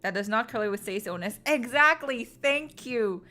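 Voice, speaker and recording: Young woman streamer teasing her chat, kinda high bright voice, sarcastic, says like a lot, faint music behind. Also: expressive, moderate pace. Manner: playful, sarcastic, teasing, with filler "like". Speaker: streamer chatting with viewers. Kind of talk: casual chat.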